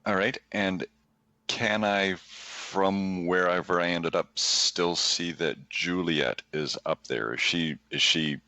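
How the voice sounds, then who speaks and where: Very deep, gravelly, slow-talking man. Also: steady tone, sharp tone, no room sound. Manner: gravelly, slow, questioning rules. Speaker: player. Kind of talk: tabletop game chat.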